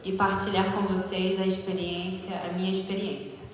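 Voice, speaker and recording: A woman's voice: medium pitch, flat delivery, normal speed. Female live interpreter, phrase-by-phrase delivery, long hall reverb, faint noise. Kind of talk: consecutive interpreting at a live event. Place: large echoey hall. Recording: echoey hall, distant mic, faint noise.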